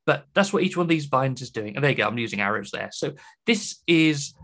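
A man's voice: mid-range voice, expressive, a little fast, a bit bright. A man with a British accent giving a chatty, enthusiastic conference talk on programming, with joking asides. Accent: British English. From Britain. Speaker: conference speaker.

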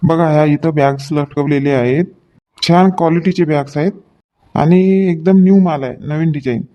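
A man playing a chatty shopkeeper in a comedy sketch, joking with customers while pitching his goods. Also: steady tone, moderate pace, highs cut off. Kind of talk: comic sketch acting.

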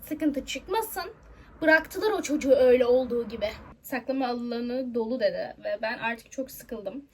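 Brief: young woman, high bright voice, lively exclaiming book vlogger, faint room noise. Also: normal speed. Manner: animated, exclaiming, laughing often. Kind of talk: casual reading vlog.

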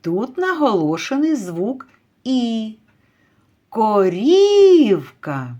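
Woman, kindergarten teacher, very slow, animated pitch, drawn-out vowels, literacy lesson for little kids. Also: highs cut off. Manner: slow, drawn-out, stretching stressed vowels to call out words. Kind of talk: early literacy lesson for young children.

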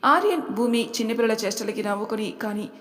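A woman's voice: on the high side, steady tone, fairly quick, in a large hall. A woman narrating an audiobook story in a chatty way, talking to her listeners.

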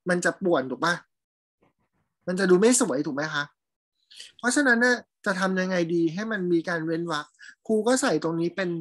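A woman's voice: on the low side, animated, fairly quick, pauses often. A woman teacher giving a live programming lesson, chatting and thinking aloud as she demonstrates code and checks that her student is keeping up. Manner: speaks to a student by name, checks understanding.

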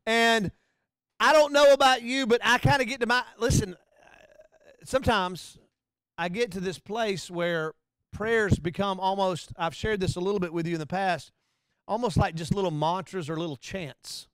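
A man preaching a conversational sermon, animated and joking, sometimes acting out bits in a low hushed voice. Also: moderate pace, clean tone, dry recording. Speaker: pastor.

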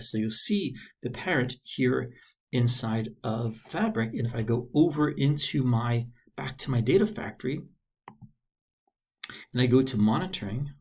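A man presenting a software feature in a screencast walkthrough, upbeat and informal with the odd filler. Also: mid-range voice, husky. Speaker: product demo presenter. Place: voice-over on screen recording.

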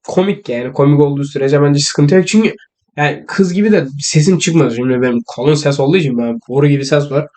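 A man's voice: a little high, quick pace, warm tone. A teenage boy chatting casually to camera in a joking, teasing, rambling way. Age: teens. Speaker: vlogger.

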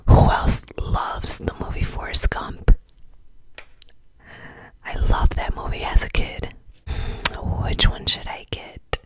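Young woman whispering super slow into the mic, munching candy, kinda jokey. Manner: soft whispering while chewing, frank and joking. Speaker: ASMR creator. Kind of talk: whispered ASMR candy tasting.

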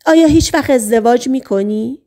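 A woman reading the lines of a calm male psychiatrist who gently questions a patient under hypnosis. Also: a little high, lightly acted. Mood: gentle.

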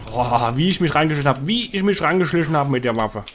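Excitable man with a lively high voice. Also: fast talker, slight background noise. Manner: excitable, shouts out wins and losses. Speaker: gaming commentator. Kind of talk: live gameplay commentary. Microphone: headset microphone.

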